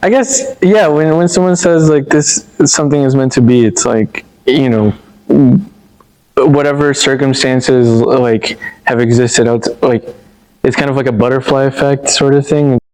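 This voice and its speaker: A man's voice: medium pitch, unhurried, darkish tone, clear, resonant tone, low-quality recording. Rambling man. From Brazil. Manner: rambling, many "like" fillers. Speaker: guest. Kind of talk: casual discussion.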